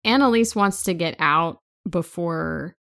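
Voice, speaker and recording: Brief: woman podcast co-host, lower voice, fills in plot details in easy chat. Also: vocal fry, fairly bright tone. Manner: chimes in with plot details and quick asides. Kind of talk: casual book recap chat.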